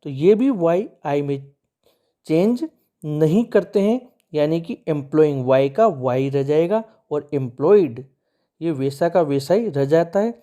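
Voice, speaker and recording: A man's voice: a little high, expressive, a little slow, dark tone. A man teaching English spelling rules, patiently walking through one example after another and calling his viewers friends.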